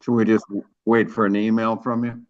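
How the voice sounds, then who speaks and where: Low man on a choppy breaking-up video call. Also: level tone, a little fast, no echo. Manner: brief, practical questions. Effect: choppy, breaking-up video call audio. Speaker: committee member. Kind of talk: video meeting discussion. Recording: dull lo-fi video call audio.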